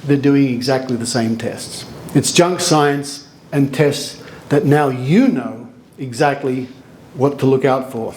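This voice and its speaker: A middle-aged Australian man works a conference crowd with quick, jokey showman patter. His voice sits a little high, and a faint hiss runs under the hall sound. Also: darkish tone. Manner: jokey, chatty showman, breaks into laughs. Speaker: skeptic presenter on stage. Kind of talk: live conference talk with audience participation. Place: conference hall before a live audience.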